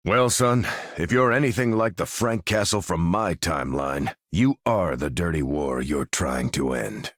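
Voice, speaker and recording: An actor with an American accent playing a dutiful, resolute soldier who commands a superhero team in a video game, firm and plain-spoken. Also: male voice, sits low, a little slow, dry recording, studio quality. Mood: grave, firm. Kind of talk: video game character voice lines.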